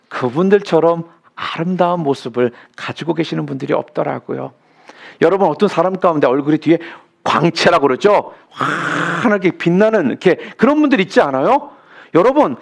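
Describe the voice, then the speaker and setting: A male pastor delivering a sermon, asking the congregation questions and swinging between loud, emphatic peaks and quiet asides. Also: fairly high pitch, gravelly. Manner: preaching with rhetorical questions to the congregation. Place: church sanctuary.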